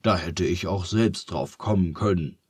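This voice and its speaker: A man's voice: deep voice, unhurried, a little mellow, breathy edge, dry recording, clean studio sound. A man voicing Phineas, a sleepless young boy wizard with a whiny, fretful manner.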